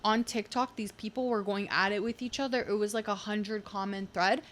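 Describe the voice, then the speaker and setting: A young adult woman, a comedian guesting on a podcast whose first language isn't English, chats casually and leans heavily on "like" as a filler. Her mid-range voice is steady and fairly bright at a moderate pace.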